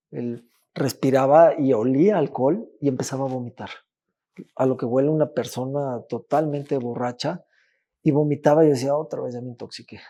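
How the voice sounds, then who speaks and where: A man, telling his own story as a podcast guest, halting, with restarts and repeated words. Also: on the high side, warm tone. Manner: halting, with frequent restarts and repetitions. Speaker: interview guest. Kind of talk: personal testimony in a podcast interview.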